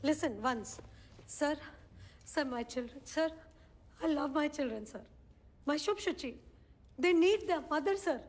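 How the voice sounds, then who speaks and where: A woman's voice: high-pitched, lively intonation, a little slow, pauses often. An actress playing a desperate mother with a Bengali accent, begging a court for her children in broken English. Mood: pleading. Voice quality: broken English, pleading, breathless repetition. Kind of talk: film drama. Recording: reverberant film mix with music.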